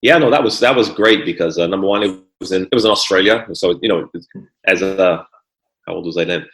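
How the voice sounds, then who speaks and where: Here the same kind of guest appears: a middle-aged man of Guyanese origin, raised in England, once an Olympic hurdler and now a trainer, relaxed on a podcast as he discusses his sports career and often repeats words as he launches into a sentence. His voice is low, fairly quick and fairly bright, recorded in an echoey room.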